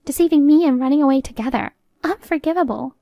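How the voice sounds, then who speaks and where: A woman voices a haughty, meddling middle-aged mother-in-law in a story, sounding agitated and indignant. She speaks quickly in a high, warm voice pitched above her natural one, and the recording has no echo.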